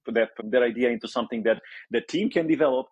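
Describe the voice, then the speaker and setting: The audio is lo-fi with no room sound: a Romanian entrepreneur in his forties, a guest, talks fast in a mid-range, slightly rough voice with a Romanian accent. Answering interview questions, he hesitates, using many fillers and starting over repeatedly.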